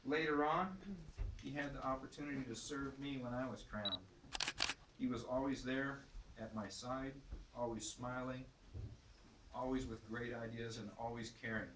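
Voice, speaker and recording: A man's voice: medium pitch, steady tone, moderate pace. A man giving a personal testimonial speech at a ceremony, addressing an assembly. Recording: echoey, distant mic, noisy, clicks.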